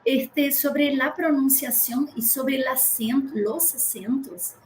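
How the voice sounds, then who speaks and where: A woman's voice: high voice, slow pace, reverberant, slight background noise. A woman from Uruguay with a Uruguayan Spanish accent, a language teacher talking casually and animatedly, laughing often and jumping between topics. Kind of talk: casual conversation.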